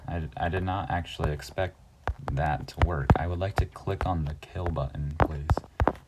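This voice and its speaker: A man's voice: extremely low pitch, steady tone, normal speed, very noisy. A man giving laid-back commentary over his own strategy game, narrating each move and chuckling at himself. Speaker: gaming youtuber. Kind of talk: casual gameplay commentary.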